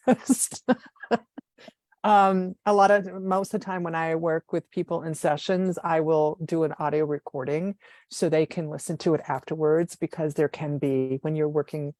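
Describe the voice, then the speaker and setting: Soft, reverent woman channeling messages. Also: deep voice, no room sound. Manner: soft, reverent, often breathy sighs. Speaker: guest channeler. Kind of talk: live spiritual channeling and reading.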